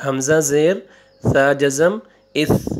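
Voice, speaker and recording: A man with a Pakistani Urdu accent teaching a Quran reading lesson, slowly drawing out syllables for pupils to repeat and then adding quick explanations. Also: fairly high pitch, steady tone, slight background noise. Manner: slow, drawn-out drilling of syllables with quick asides. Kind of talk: online recitation lesson.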